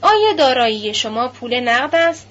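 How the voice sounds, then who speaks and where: A woman voicing a methodical male notary who questions in a measured, formal way. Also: high voice, very animated, a bit bright, heavily acted. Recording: slightly muffled lo-fi recording.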